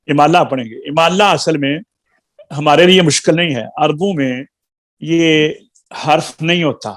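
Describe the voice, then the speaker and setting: A male Quran recitation teacher leads a live class in a slightly high voice. He explains patiently and step by step, stretching out syllables when he demonstrates them, and teases his students gently now and then.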